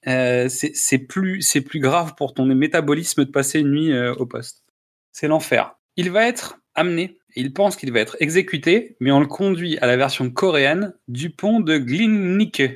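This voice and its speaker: Sarcastic guy riffing on a movie, kinda high voice, jokey. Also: moderate pace. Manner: sarcastic, joking, laughs often. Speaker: podcast co-host. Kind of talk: casual film review chat.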